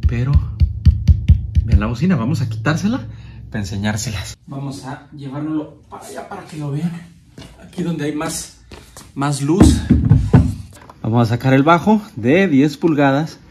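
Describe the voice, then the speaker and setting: A man's voice: on the high side, expressive, normal speed, long pauses, music in the background. A man with a Mexican Spanish accent giving a casual, chatty walkthrough of sound equipment, with many fillers and restarts as he handles the gear. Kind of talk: casual product show-and-tell.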